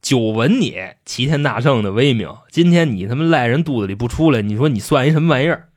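A man's voice: medium pitch, animated, fast talker, lightly acted. A man voicing a sly, scheming roc demon who talks in offhand, coarse slang. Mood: taunting.

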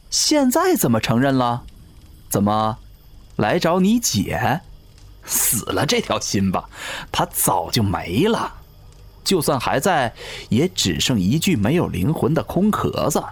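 A man's voice: mid-range voice, wildly swooping pitch, husky, heavily acted. A man voicing a sneering undying seducer. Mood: taunting. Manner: sneering, mocking, slow and drawn out. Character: ageless male river-god servant, cruel gloating seducer. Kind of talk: audio drama acting.

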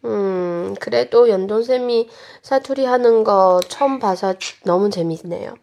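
Female co-host, dark gravelly voice, inquisitive. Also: mid-range voice, unhurried. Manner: curious, asks the teacher questions. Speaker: co-host and learner. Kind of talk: casual podcast chat.

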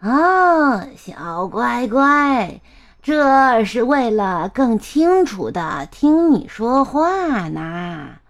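A frail, kindly grandmother in a storybook speaks slowly and gently, voiced by a woman. Her words stretch out in a soft, lilting way. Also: fairly high pitch, big pitch swings, full character voice. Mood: soothing. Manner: slow, gentle. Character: weak, kindly old grandmother in bed. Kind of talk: storybook voice acting.

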